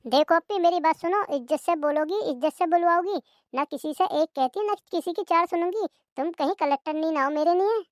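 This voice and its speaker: A woman voicing a lazy, sharp-tongued young daughter-in-law in a cartoon comedy, talking back defiantly. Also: very high voice, a little fast, no echo, clean studio sound.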